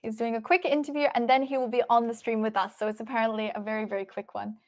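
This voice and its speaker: Casting: female livestream host, Australian accent, slightly high voice, informal off-the-cuff chat. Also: little pitch movement, quick pace, a little mellow. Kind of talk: casual livestream chat, reading and answering viewer messages.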